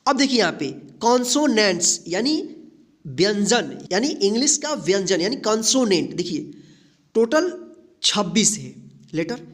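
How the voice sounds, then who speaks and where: A woman teaching a beginner's English lesson, spelling out letters one by one, asking questions and repeating each answer. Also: medium pitch. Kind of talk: step-by-step spoken English lesson.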